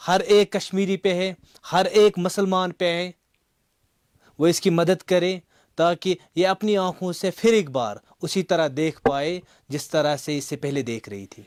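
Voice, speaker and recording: A man hosting and making an earnest, slow appeal for help. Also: high-pitched, no echo, studio quality. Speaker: host. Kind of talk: appeal for donations.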